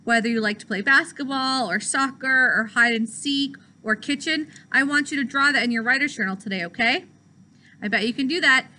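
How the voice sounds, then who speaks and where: In a small classroom indoors, a young teacher reads a picture book to children. Her voice is high and bright, and she reads in a deliberate, expressive, child-directed way.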